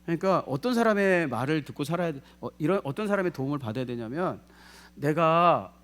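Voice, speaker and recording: A male pastor preaching a sermon in a lively way, putting questions to the congregation and acting out what people say. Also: on the high side, a little fast. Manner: lively, asks the congregation questions, acts out quoted speech.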